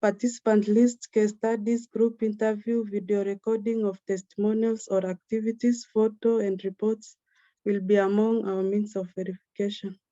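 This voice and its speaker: A woman presenting a prepared plan in a steady, formal, list-like reading. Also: mid-range voice, normal speed, dry recording, dull audio.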